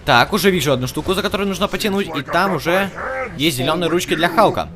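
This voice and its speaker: With a fairly high voice and a fast pace, this man narrates his gameplay casually, musing aloud and talking to the characters. A crowd can be heard in the background along with video game music; he's a let's-play host.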